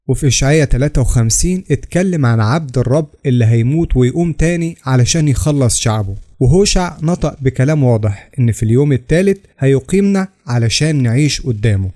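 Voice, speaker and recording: A channel narrator with an Egyptian Arabic accent reads a scripted religious narration, steady and explanatory, citing scripture references. His voice sits at a medium pitch.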